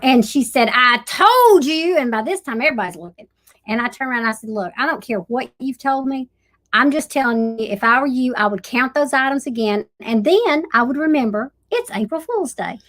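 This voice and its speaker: A woman's voice: fairly high pitch, fairly quick. A middle-aged woman with a Southern US accent, chatting on a live stream and telling prank stories, acting out what other people said. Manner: lively prankster storyteller who acts out other people's lines. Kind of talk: casual chat on a live stream.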